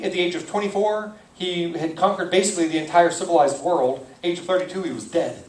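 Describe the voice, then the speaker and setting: A man's voice: high-pitched, echoey room, far from the mic, low-quality recording. A man as a pastor teaching the Bible verse by verse in a conversational manner, stopping to puzzle over names and correct himself. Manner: conversational, thinks aloud, self-correcting on names.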